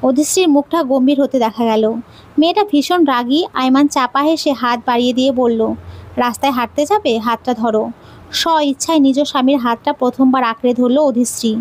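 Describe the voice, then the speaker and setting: A woman narrating a romantic audio story in a steady, expressive reading. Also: high-pitched, fairly quick.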